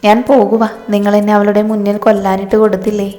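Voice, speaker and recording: A woman's voice: medium pitch, level tone, fast talker, mellow, natural voice. A woman reading as a fiery, jealous young wife. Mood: scolding. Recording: reverberant room with faint music.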